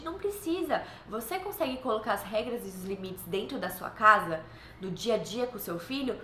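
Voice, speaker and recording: A woman's voice: on the high side, a bit bright. A woman in her thirties with a Brazilian Portuguese accent, giving earnest, reassuring parenting advice to other mothers. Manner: earnest, reassuring, acts out playful voices for her kids. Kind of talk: casual advice vlog. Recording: echoey room, faint background noise.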